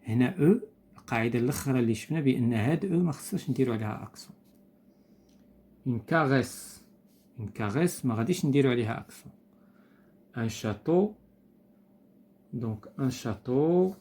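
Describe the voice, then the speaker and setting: A male teacher with a Moroccan Arabic accent steps through a textbook exercise at an even pitch for a man. His delivery is patient and methodical. He repeats each example word and pauses on small hesitant fillers. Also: husky. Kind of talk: explaining a French textbook exercise.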